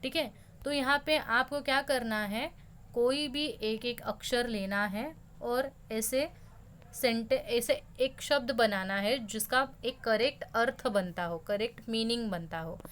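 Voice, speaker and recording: A woman's voice: a little high, takes it slowly, a bit bright. Patient woman teacher explaining a lesson. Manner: patient, explanatory, mixes in English words.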